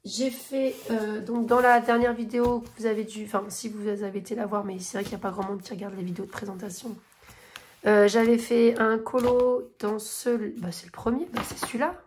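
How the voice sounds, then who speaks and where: A woman's voice: on the high side, little pitch movement, brisk, a little mellow, a little hiss or hum. A woman in her thirties chatting casually in a coloring vlog, gushing and rambling with many fillers and restarts. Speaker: coloring vlogger. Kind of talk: casual chat showing coloring books and finished pages.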